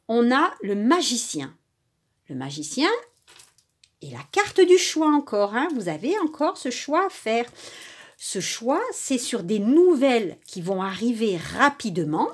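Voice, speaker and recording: A woman's voice: medium pitch, husky. A woman reading tarot and oracle cards for her viewers in a casual, chatty way, full of little fillers and the odd stumble over her words. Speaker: tarot and oracle card reader.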